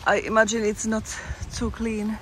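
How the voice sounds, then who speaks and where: A woman's voice: a little high, monotone, normal speed, low-quality recording. A woman giving casual, playful walking-tour commentary outdoors by a river, musing aloud as she goes. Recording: outdoor recording with street noise.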